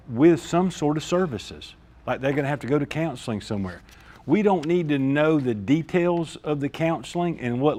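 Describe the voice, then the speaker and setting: Man explaining school procedures. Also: fairly high pitch. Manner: informal, repeats "all right?" to check understanding. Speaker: school district discipline administrator. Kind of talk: explaining procedures at a staff meeting.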